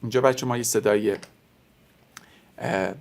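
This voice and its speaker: A man's voice: mid-range voice, steady tone, gravelly. Man teaching French to beginners. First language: Persian. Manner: explains step by step, repeating example words slowly. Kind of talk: teaching lesson explaining textbook audio.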